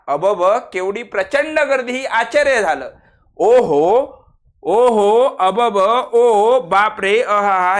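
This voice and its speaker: Lively high-voiced man teaching grammar. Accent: Marathi. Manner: lively, acts out exclamations, teases students. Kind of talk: online grammar class.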